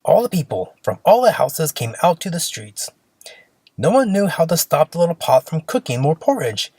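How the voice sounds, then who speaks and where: A simple children's fairy tale is told by an expressive reader whose medium-pitched voice is husky and creaky, with lots of rise and fall. The speed is normal, and the sound is dry and close.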